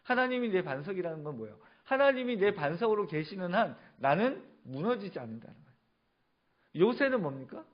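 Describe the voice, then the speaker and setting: A man's voice: high-pitched, sing-song, fairly quick, lo-fi sound. A male pastor preaching a sermon, asking the congregation questions and answering them himself. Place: church sanctuary.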